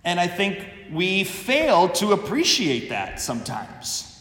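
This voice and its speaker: A man, a priest, reading the Gospel and preaching at Mass in an unhurried, measured way, his voice carried by a cathedral echo. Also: huge pitch swings, a bit bright, faint music behind. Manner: slow, measured delivery. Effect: cathedral echo with long reverb. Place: large church. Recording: echoey church hall, faint rumble.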